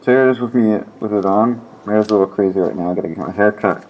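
A man's voice: on the low side, racing, a little mellow, slight background noise. A young man talking casually in a vlog, his voice muffled through the gas mask he is wearing. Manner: casual, offhand.

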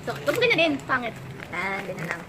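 A Filipino woman vlogger in casual, teasing chat, quick to laugh. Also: a little high, wildly swooping pitch, over a noisy crowd, heavy background noise.

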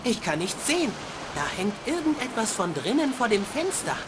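Earnest, expressive young boy. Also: fairly high pitch, normal speed, background noise. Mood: relieved, musing. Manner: innocent, expressive. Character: polite, earnest, naive young boy adventurer. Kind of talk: video game voice acting.

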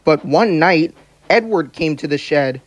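Gentle male storybook narrator. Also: fairly high pitch, lively intonation, measured pace.

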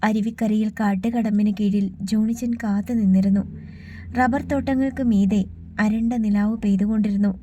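A woman reading an audiobook story as narrator in a calm, measured way. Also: medium pitch, a little hiss or hum.

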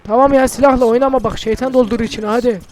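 Very high-voiced, brash male gamer. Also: very fast. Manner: brash, excitable, swears at game characters. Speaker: gaming channel host. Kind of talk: casual gameplay commentary. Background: game music.

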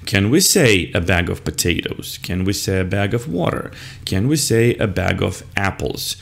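A man's voice: low-pitched, lively intonation, moderate pace, creaky, slightly rough. An older man, an English teacher, talks other teachers through a slide lesson step by step, modelling the words and answers as he goes. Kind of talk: screen-recorded lesson walkthrough. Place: indoors at a computer.

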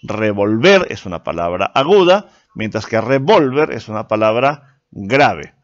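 A man teaching a lesson, explaining patiently with frequent filler pauses. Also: lowish voice, very animated. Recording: dull lo-fi recording.

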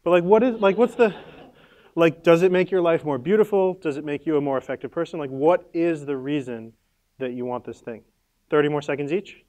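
A man's voice: a little high, brisk, a little mellow. A man leading a conference workshop in a casual, upbeat way, full of "like" fillers as he gives the audience instructions. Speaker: workshop leader.

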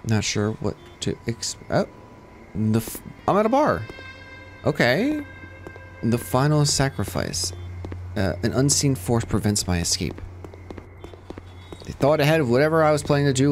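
A man's voice: mid-range voice, big pitch swings, normal speed, long pauses. A man commenting on a horror game as he plays, jumpy and joking, talking back to the characters on screen. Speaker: let's play gamer. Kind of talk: playthrough commentary. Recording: game music playing behind. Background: clear game music.

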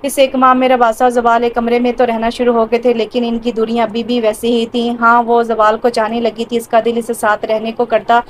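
A woman narrates a romance audio novel in a fairly high voice. Her pitch stays level and even, reading steadily with small slips and restarts. Faint hiss sits under the voice. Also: fairly quick, few pauses, poor audio. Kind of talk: reading an audio novel aloud, voicing all parts.

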